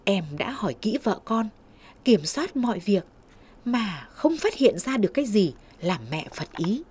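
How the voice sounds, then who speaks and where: A woman's voice: mid-range voice, big pitch swings, unhurried, a little mellow, slight background noise. A woman voicing a worried, exasperated middle-aged son in a storybook reading.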